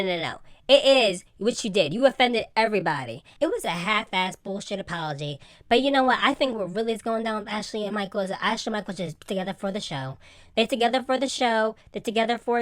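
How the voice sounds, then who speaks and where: A woman giving casual, sassy commentary on a reality show, gossipy and animated with lots of slang. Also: mid-range voice, fairly quick, no room sound. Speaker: reality TV recap vlogger.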